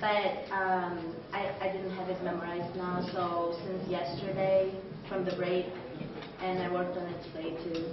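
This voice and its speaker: A woman's voice: lowish voice, flat delivery, unhurried. A woman taking part in a talent show as a poetry performer, replying to the judges. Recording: echoey hall, distant dull microphone, noisy.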